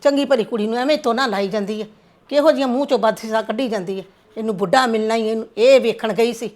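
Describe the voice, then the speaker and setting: A middle-aged woman playing a mother who scolds her daughter-in-law in an amateur family drama, with a high voice. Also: fast talker, darkish tone, natural voice. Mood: reproachful. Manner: firm, reproachful. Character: firm mother-in-law who takes no sides.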